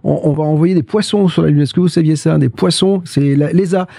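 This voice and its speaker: A man's voice: on the high side, fairly quick, gravelly, warm tone, no echo. A man hosting a casual talk-radio show, speaking animatedly and restarting his sentences often as he puts questions to his co-host.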